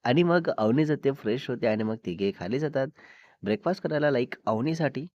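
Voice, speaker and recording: A man's voice: mid-range voice, animated, a little fast, darkish tone, no echo, dull audio. A man with a Marathi accent narrating a serialized romantic family story in a conversational way, dropping in English words.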